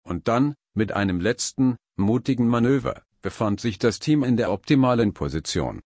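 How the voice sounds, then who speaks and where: A man narrating a science fiction story in an even, dramatic reading style, close to the mic. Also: mid-range voice, normal speed, no echo.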